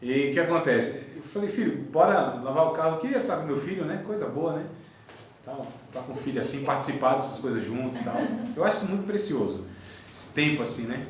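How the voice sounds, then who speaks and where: A man's voice: mid-range voice, animated, fast talker, a little hiss or hum. A man teaching a conversational theology class in a classroom, telling stories and joking with his students. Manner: storytelling, chatty, laughs with class. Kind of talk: conversational church class lesson. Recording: echoey classroom from far off.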